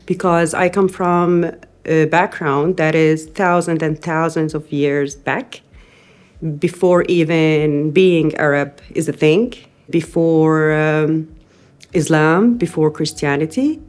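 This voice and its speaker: A middle-aged woman from Syria, a native Arabic speaker, giving an earnest interview with frequent pauses and restarts. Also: deep voice, fairly even intonation, darkish tone. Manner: earnest, thoughtful, frequent hesitations. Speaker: interviewee, newcomer parent. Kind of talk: interview testimony.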